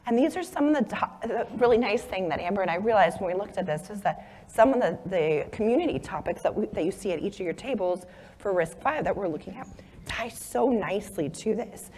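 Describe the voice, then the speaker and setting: A woman with laryngitis and a shaky, hoarse voice, speaking earnestly as co-facilitator at a conference. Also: medium pitch, expressive, brisk, a little mellow. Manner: earnest, apologetic. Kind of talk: conference talk. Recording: long hall reverb.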